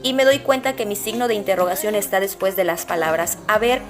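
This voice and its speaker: A woman's voice: mid-range voice, a little fast. A young adult woman with a Mexican accent, a teacher patiently explaining a lesson step by step to her pupils. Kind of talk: classroom lesson. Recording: music playing behind her.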